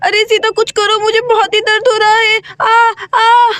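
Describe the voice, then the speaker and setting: A woman's voice: extremely high pitch, little pitch movement, fairly quick, background noise, pitched above the performer's own voice. Woman voicing a moaning pregnant village woman in labour. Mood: pained pleading. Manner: moaning and pleading.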